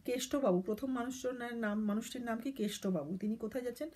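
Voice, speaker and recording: A woman's voice: on the high side, fast, darkish tone. A woman vlogger reading a poem aloud and explaining it casually, with many hesitations and self-corrections.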